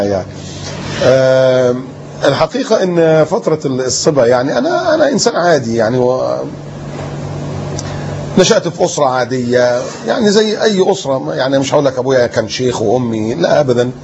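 In a mid-range voice, an Egyptian-accented preacher in his fifties, a guest in an interview, shares his story and acts out the talk he remembers, a lively storyteller throughout. The muffled recording has a little hiss or hum.

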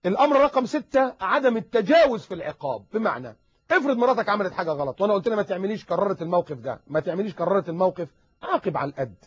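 A man with an Egyptian accent giving a lively religious advice lecture, talking animatedly and acting out little dialogues. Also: sits high, slightly rough, no echo. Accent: Egyptian Arabic. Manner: animated, acts out dialogues, rapid repetitions. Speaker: preacher. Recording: dull lo-fi recording.

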